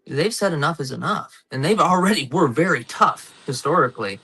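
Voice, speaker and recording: A man in his thirties hosts a casual talk show, his voice bright and forceful. He talks eagerly, drifting into nerdy history tangents full of ums and uhs. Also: fairly high pitch, expressive, a little fast, breathy edge. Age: 30s. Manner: eager, nerdy history digressions with many fillers. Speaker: host.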